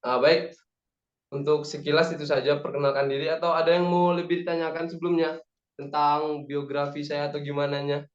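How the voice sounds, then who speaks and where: A young aviation cadet in his twenties from Padang, West Sumatra, Indonesia, talks as a relaxed, chatty guest speaker in an online meeting, rallying his listeners. His voice is a little high and fairly quick, and the call audio sounds roomy, echoey, dull and lo-fi.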